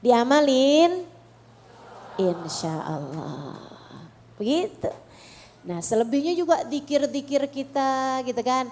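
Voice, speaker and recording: A woman's voice: high-pitched, a little slow, a little mellow, a little hiss or hum. A middle-aged woman with an Indonesian accent giving an Islamic study talk to women, earnest and often asking the audience questions. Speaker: religious teacher.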